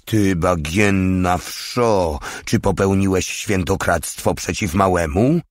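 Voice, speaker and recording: A man's voice: deep voice, slow pace, no room sound, clean studio sound. A man voicing a hulking, brutal male soldier who bellows in pompous, mock-righteous outrage in an audiobook. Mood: outraged.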